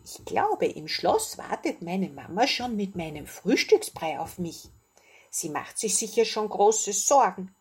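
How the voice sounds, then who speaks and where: A woman's voice: medium pitch, unhurried, husky, exaggerated voice. A woman voicing a brave, spirited little princess in a story read aloud. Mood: kind. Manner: bold, lively.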